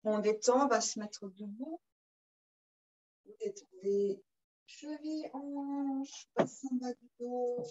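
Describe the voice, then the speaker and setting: A woman leads a yoga session in a calm, guiding voice. Between cues she chants short, rhythmic breath sounds, keeping the class moving. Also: fairly high pitch, slow, long pauses, highs cut off. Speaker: yoga teacher. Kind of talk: guided yoga class instruction.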